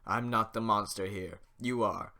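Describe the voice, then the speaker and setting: Rich: A vain, cruel little lord, voiced by a man, speaks low and slow, pressing each threat. The voice stays cold and deliberate, with a bright edge. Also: steady tone. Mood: menacing. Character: small, cruel, vain male lord villain.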